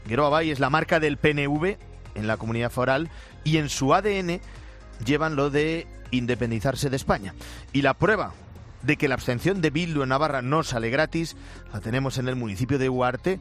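A man's voice: medium pitch, normal speed, a bit bright, faint music behind. A man presenting radio news with an emphatic, punchy delivery and pointed asides. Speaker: news anchor.

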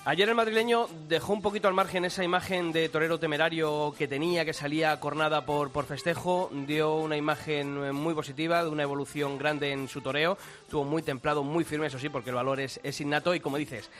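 A man giving brisk, knowledgeable bullfighting commentary on the radio. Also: on the high side, fairly even intonation, a bit bright, soft background music.

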